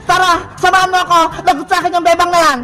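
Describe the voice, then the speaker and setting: A voice actor playing a stern, quick-tempered mother who scolds children in a cartoon. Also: very high-pitched, little pitch movement, crowd noise. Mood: angry. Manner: scolding, sharp and reproachful. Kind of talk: cartoon voice acting. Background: cartoon background music.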